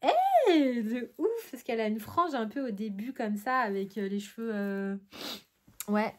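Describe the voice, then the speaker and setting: A French woman vlogging casually at home as she unboxes art supplies, sniffly from a tickling nose, chatty and excitable with lots of fillers. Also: mid-range voice, moderate pace.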